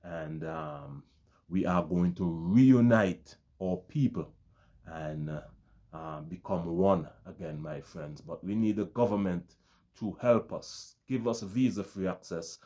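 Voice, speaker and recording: A man speaks straight to his viewers in a very low, dark, mellow voice. He sounds earnest and keeps repeating himself, and he often calls his audience his friends. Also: takes it slowly, highs cut off. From Caribbean. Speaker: vlogger. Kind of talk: casual talk to camera.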